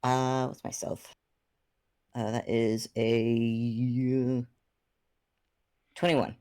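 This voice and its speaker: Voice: mid-range voice, level tone, drawn-out words, warm tone, clean tone, no echo, clean studio sound. A player in a casual tabletop role-playing game, laid-back and hesitant, thinking aloud.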